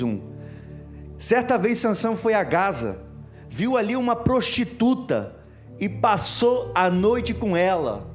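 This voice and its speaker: Male pastor reading scripture. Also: high-pitched. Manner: explanatory, reads verses then comments. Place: church stage before a congregation.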